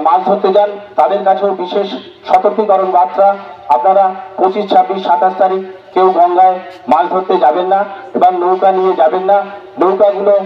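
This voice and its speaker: A man making a slow, repetitive public warning announcement for the municipality, outdoors in a riverside neighborhood. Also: high-pitched. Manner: slow, repetitive, halting delivery. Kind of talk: public address announcement over loudspeaker. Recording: roomy, distant, muffled loudspeaker sound.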